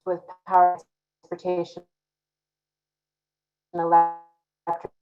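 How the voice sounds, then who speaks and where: A woman's voice: lowish voice, completely flat delivery, takes it slowly, mellow, lo-fi sound, soft background music. A woman presenting slides over a video call, her audio glitchy and breaking up as she walks through policy points in a businesslike way. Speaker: presenter for a state office. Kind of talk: presenting slides at a public listening session.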